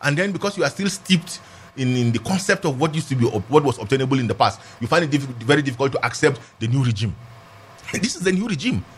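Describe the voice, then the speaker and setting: A man's voice: mid-range voice, lively intonation, fast, a little hiss or hum. A man with a Nigerian accent giving an emphatic, argumentative legal commentary in a discussion, repeating phrases for stress. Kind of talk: animated political and legal discussion.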